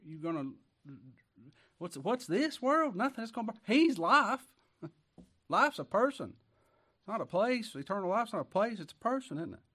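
A man preaching a sermon, fervent and folksy, swinging between loud declarations and quiet asides. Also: medium pitch. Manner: colloquial rural speech, ain't and them.

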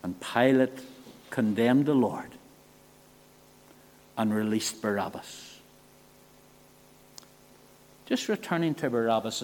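A man preaching an evangelistic sermon in a church meeting. He is earnest, moving between soft, low asides and loud, emphatic appeals. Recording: long church hall reverb.

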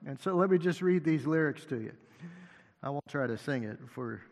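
A male associate pastor delivers a sermon at the pulpit microphone of a church sanctuary, speaking slowly and haltingly with lots of fillers and the occasional gentle joke. His voice sits on the higher side with lively intonation, and the recording carries a long hall reverb.

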